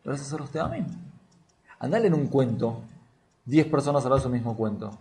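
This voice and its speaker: A man's voice: mid-range voice, animated, moderate pace, warm tone. A man teaching a lesson on a religious text. He reads passages aloud, then explains them and puts questions to his students.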